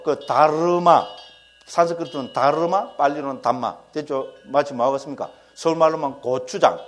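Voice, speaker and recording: A Korean Buddhist monk giving a dharma lecture, folksy and joking, constantly checking in with his listeners. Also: on the high side.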